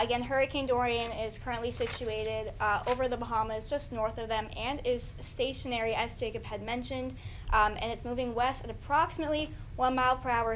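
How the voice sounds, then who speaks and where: A woman anchors a live news update in a fairly high voice. Her delivery is semi-scripted and a little hesitant, with faint noise behind her. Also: fairly bright tone, rough recording.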